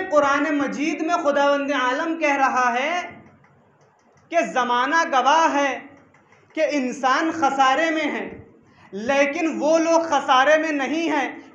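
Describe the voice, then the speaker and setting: A man preaching a sermon at a religious gathering, repeating phrases for emphasis, reciting Arabic verses and rising to shouts. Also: extremely high pitch. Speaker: cleric preaching at a majlis. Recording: echoey hall, muffled lo-fi sound.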